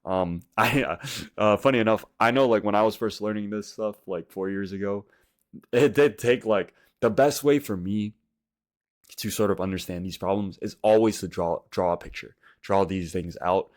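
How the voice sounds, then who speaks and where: A man's voice: lowish voice, normal speed. A man in his twenties with a slight lisp from wearing a retainer, giving a casual coding tutorial in informal, slangy, broken phrases. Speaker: tutorial host.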